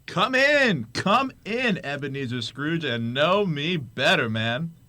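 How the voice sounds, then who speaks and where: A man's voice: fairly high pitch, very animated, slow pace, sharp tone, full character voice. A man playing a jolly, commanding giant spirit in a radio drama, speaking grandly and declaiming. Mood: jovial, commanding.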